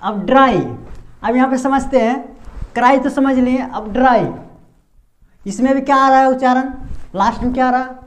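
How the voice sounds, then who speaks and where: A man's voice: very high voice, fairly even intonation, moderate pace, long pauses. A man giving a whiteboard pronunciation lesson as an English teacher, asking rhetorical questions and repeating sounds.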